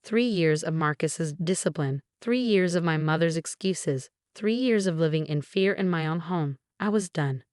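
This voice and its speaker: A woman reading a first-person story as a scripted narration, steady and even. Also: low-pitched, normal speed, few pauses, no room sound, studio quality.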